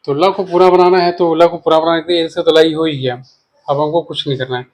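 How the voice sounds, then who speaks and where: Male teacher, slightly higher voice, patient, repetitive, checks in constantly. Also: level tone, brisk, a little mellow. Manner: explains while writing. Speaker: English teacher. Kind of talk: casual spoken lesson.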